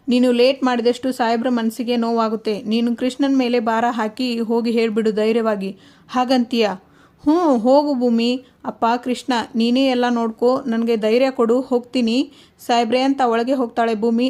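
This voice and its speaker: A woman's voice: a little high, a little mellow. A woman narrating a TV serial episode as a story, reading all the characters' lines in her own voice.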